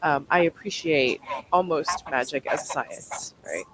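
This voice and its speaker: A woman's voice: low-pitched, unhurried. A woman talking informally and conversationally in a casual livestream chat. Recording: clearly noisy livestream audio.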